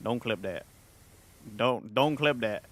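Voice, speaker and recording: Speaking slowly and expressively, this medium-pitched, slightly bright male voice belongs to a UK livestreamer chatting with his audience. He puts on a Southern cowboy accent from America and rambles playfully, self-consciously, and with plenty of profanity.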